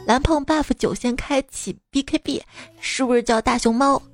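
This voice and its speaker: A young woman hosting a comedy podcast, reading listener jokes in a lively, casual way and laughing at them. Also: sits high, normal speed, soft background music.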